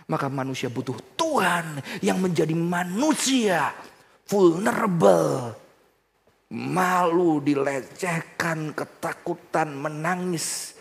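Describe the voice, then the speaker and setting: A man preaching a sermon, swinging between soft low passages and loud, high emphatic bursts, and addressing the congregation directly. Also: gravelly, in a large hall. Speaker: pastor.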